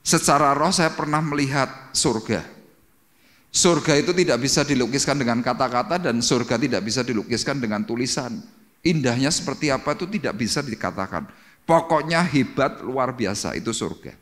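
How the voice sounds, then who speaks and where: Male pastor, theatrical sermon delivery, middle pitch, reverberant hall. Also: lively intonation, normal speed, fairly bright tone. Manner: dramatic preaching with acted-out cries and sound effects. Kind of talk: Pentecostal sermon. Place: church hall. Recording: long church-hall reverb.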